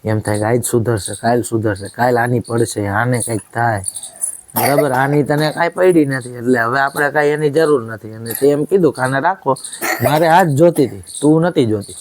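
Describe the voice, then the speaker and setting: A man's voice: medium pitch, moderate pace, a little hiss or hum. Angry man scolding. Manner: scolding, accusing, repeatedly demanding agreement. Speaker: angry husband in a short family drama.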